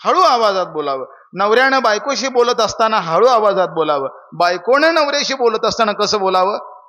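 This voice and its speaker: Brief: young male kirtan preacher, high and bright, asks the crowd questions, long hall reverb. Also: lively intonation, moderate pace. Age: young adult. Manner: questions the audience, preachy storytelling. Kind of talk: Marathi kirtan sermon.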